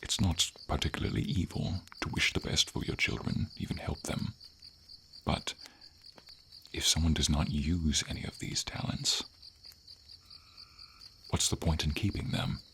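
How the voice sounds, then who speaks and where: In a fantasy ASMR roleplay, a man gives full character voice to a gentle, wise dragon, his very deep, gravelly tone encouraging and earnest. He speaks formally in slow, measured phrases broken by thoughtful pauses, a scripted performance set against a steady hiss of light rain and night insects.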